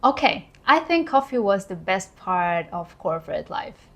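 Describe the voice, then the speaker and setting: Speaking English as a second language, this vlogger from Kazakhstan is a woman in her thirties with a Kazakh accent. Her medium-pitched voice swings widely in pitch at a measured pace as she talks earnestly and reflectively, laughing now and then.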